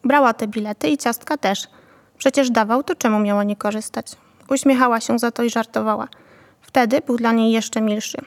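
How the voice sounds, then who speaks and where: A woman narrating a novel in a calm, even storytelling manner. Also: fairly high pitch, normal speed, long reverb tail. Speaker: audiobook narrator.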